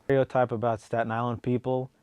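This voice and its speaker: A man's voice: mid-range voice, little pitch movement, fast, darkish tone, clean tone, dry recording, lo-fi sound. Offhand young man, dry close sound. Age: young adult. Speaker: interviewee. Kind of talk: casual interview answers.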